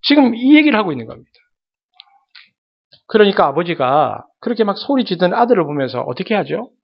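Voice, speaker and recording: Man, pastor, dramatic sermon, high voice, dull lo-fi sound. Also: big pitch swings, brisk, creaky, slightly rough. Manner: dramatic, acts out quoted voices, addresses congregation directly.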